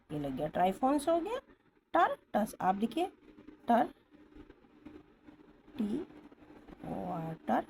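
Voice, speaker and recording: Captured by a distant camera or phone, a woman explains a stenography lesson to her class, patiently spelling out each word letter by letter and making sure students keep up. She pronounces English words with an Indian accent. Her voice is a little high and darkish with vocal fry, and the low-quality recording carries a bit of hiss or hum.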